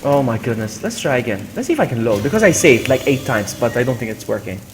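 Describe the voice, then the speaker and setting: A man streams a video game, commenting live and chatting with viewers in an excitable, exclamatory style, often repeating his phrases. He has a mid-range voice, talks fast, and there's noise in the background.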